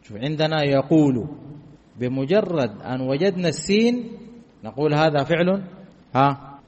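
A man's voice: a little high, animated, normal speed, a little mellow, long reverb tail, lo-fi sound. Male teacher quizzing his class. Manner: asks the class questions and answers them himself, repeats key phrases. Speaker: grammar teacher. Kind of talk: classroom lesson explaining grammar.

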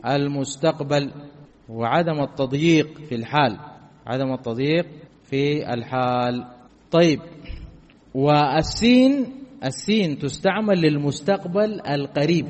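A man's voice: fairly high pitch, darkish tone, in a large hall. Male teacher quizzing his class. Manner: asks the class questions and answers them himself, repeats key phrases. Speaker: grammar teacher. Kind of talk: classroom lesson explaining grammar.

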